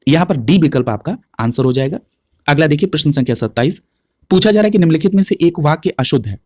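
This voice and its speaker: A man's voice: a little high, expressive, quick pace, a little mellow, no room sound, studio quality. A man teaching an exam-prep lesson, working through past paper questions step by step and checking in with listeners often. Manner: methodical, explains step by step with frequent check-ins.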